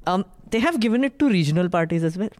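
Indian-accented panellist, middle pitch, informal and conversational, frequently seeking agreement. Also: expressive, quick pace, a little mellow. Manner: informal, often checks with "right?". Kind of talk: conversational political panel discussion.

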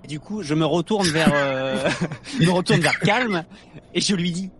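A man's voice: a little high, measured pace, a crowd in the background. A man playing a tabletop role-playing game, hesitant and full of fillers, laughing easily. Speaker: player. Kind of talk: casual play chat.

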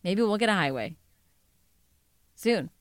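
Smooth-voiced woman, joking storyteller. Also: mid-range voice, expressive, a little slow, no echo, clean studio sound. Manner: joking, self-deprecating storyteller who acts out quotes. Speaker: podcast co-host. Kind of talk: casual chat.

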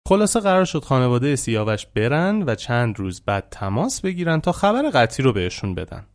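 A man's voice: mid-range voice, sing-song. A man narrating a true story he was told, in a colloquial, reflective storytelling manner.

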